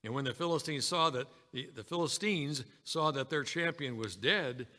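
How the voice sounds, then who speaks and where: A man's voice: mid-range voice, moderate pace, pushed and bright, long reverb tail. A man preaching a sermon, reading scripture aloud and calling his congregation brethren.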